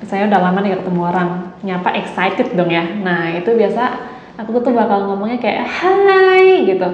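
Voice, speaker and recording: A young woman from Indonesia hosting a casual Mandarin lesson, chatting along and demonstrating tones with drawn-out syllables. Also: medium pitch, steady tone. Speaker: Mandarin teacher, channel host. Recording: slightly dull, roomy, faint hiss.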